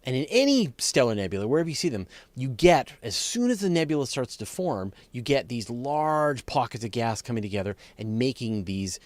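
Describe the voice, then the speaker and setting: Very animated and brisk, with few pauses, a medium-pitched man of darkish tone runs a live astronomy Q&A. He explains on the fly through everyday examples, leaning hard on important words. No room sound is present.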